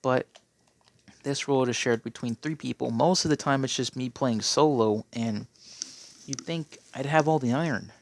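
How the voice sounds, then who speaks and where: A man's voice: medium pitch, moderate pace. A man giving casual, rambling gameplay commentary, with a phlegmy throat and a habit of tacking on "okay?". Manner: rambling, keeps clearing his throat, tacks on "okay?". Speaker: Minecraft player.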